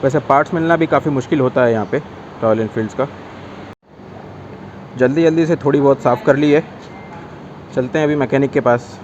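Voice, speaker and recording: A man talking casually to viewers in a vlog, loud and playful when speaking to his child. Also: mid-range voice, a little fast, long pauses, lo-fi sound, slight background noise. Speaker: vlogger.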